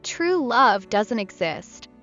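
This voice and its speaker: A woman's voice: on the high side, very animated, takes it slowly, heavily acted. A woman voicing a chatty heartbroken young woman. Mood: tipsy bitter. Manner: bright, chatty, bitter. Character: talkative young woman camper, heartbroken, tipsy. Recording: muffled with soft music behind.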